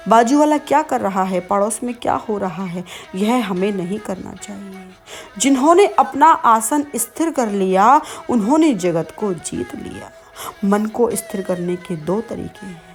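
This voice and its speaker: A woman giving a devotional sermon, calm and explanatory, teaching through everyday comparisons. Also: mid-range voice. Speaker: religious discourse speaker.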